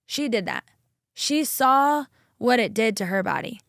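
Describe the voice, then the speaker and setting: A woman's voice: fairly high pitch, expressive, measured pace, creaky, a bit bright, no room sound. Chatty upbeat woman, dry close sound. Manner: upbeat, chatty, lots of fillers. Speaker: chiropractor and guest. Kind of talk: casual podcast conversation.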